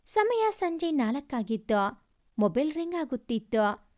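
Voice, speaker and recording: A woman telling a first-person story aloud, expressive, voicing each character's lines. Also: high-pitched, unhurried. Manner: expressive, voices the dialogue.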